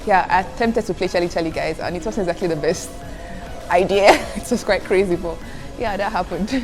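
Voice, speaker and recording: Poor audio carries a young Nigerian student vlogger, first language Igbo, answering questions a little fast in a lowish voice over background music. Her talk to viewers is casual and chatty; she calls them "guys" and giggles between answers.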